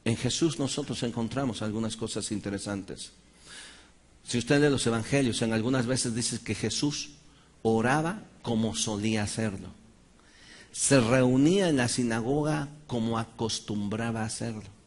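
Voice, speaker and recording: A man preaches in a slightly husky voice of ordinary pitch. He is emphatic, and he dramatizes scripture scenes as he goes. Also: moderate pace. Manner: emphatic, dramatizes Bible stories with quoted voices. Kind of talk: sermon.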